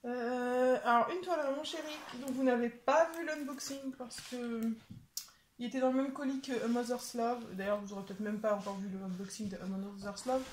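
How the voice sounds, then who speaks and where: In a casual show-and-tell vlog, a woman chats about her craft kit collection, sprinkling in little "hop" and "voilà" interjections. Her voice is a little high with fairly even intonation and normal speed, recorded in an echoey room with clear background noise.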